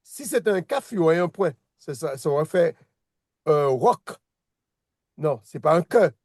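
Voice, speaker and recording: A man's voice: fairly high pitch, animated, normal speed, darkish tone, dry recording, clean studio sound. A man teaching a language lesson in a casual way, often restarting and repeating words while checking that his students follow. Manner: patient, checks understanding with "d'accord?". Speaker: Hebrew teacher.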